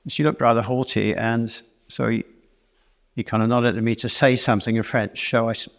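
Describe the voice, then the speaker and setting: Brief: male cabaret storyteller, mid-pitched, meandering self-deprecating stage yarn, live in a church. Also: fairly even intonation, moderate pace, creaky. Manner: rambling and self-deprecating, with many restarts. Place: church hall, live performance.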